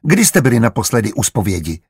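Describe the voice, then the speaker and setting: A man's voice: mid-range voice, sing-song, slightly rough, dry recording, clean studio sound, full character voice. A man voicing a stern, suspicious young Jesuit who questions people in a commanding way.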